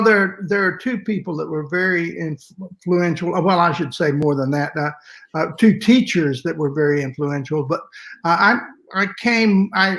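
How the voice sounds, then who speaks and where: Older man with high-pitched West Texas twang. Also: creaky, pushed and bright. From West Texas, United States. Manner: folksy, halting storytelling. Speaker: interview guest, music educator. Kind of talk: conversational reminiscing.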